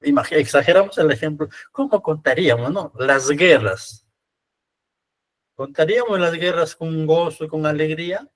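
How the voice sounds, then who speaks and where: A priest with a Peruvian accent teaches a class in a loose, conversational way. He keeps asking his listeners rhetorical questions and tags his sentences with quick checks for agreement. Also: on the high side. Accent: Peruvian Spanish. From Peru. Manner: rhetorical questions, frequent tag questions. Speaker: priest giving a lecture. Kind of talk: conversational lecture to church readers.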